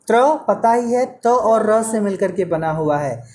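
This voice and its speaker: A man's voice: high-pitched, animated, a little slow, a little mellow. A man teaching Hindi pronunciation to a student one-on-one, patiently repeating sounds and correcting mistakes.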